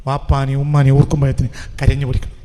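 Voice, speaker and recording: A male Islamic preacher, giving a sermon. He swings between hushed lines and loud emphatic outbursts and keeps asking his listeners rhetorical questions. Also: mid-range voice, monotone, fast talker, in a large hall, a little hiss or hum. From Kerala, India.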